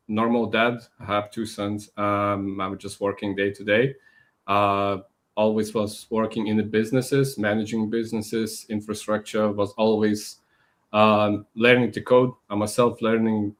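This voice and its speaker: A man in his thirties from Lithuania, speaking English in a casual, halting way as he introduces himself. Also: lowish voice. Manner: halting, searching for words. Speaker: community lead. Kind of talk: casual chat.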